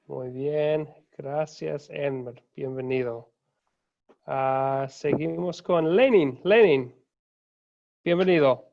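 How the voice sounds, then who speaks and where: A man, a pastor, calmly and courteously greeting each student by name in an online class over a video call. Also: fairly high pitch, takes it slowly, creaky. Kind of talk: unhurried roll call of students. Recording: dull lo-fi video call audio.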